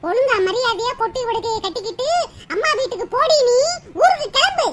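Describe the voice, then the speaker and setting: A woman voicing a sharp-tongued married older sister in a cartoon, scolding and mocking in a long rant. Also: extremely high pitch, background noise. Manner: scolding, mocking, rapid ranting. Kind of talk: cartoon voice acting.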